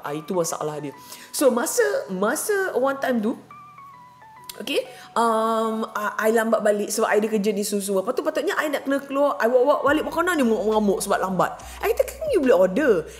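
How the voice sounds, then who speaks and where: A married woman tells a personal story to the camera in a relaxed, chatty way, leaping high in pitch when she acts out what people said. Her voice sits fairly high for a woman. Soft music runs faintly underneath. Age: adult, married. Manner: animated, acts out quotes with big pitch jumps, mixes English in. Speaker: vlogger. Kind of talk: casual storytelling monologue.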